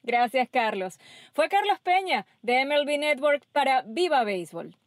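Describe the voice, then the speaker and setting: A woman hosting a baseball radio show, presenting in a smooth way and tying the segments together. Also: high-pitched, very animated, moderate pace, no echo, clean studio sound. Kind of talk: radio sports talk.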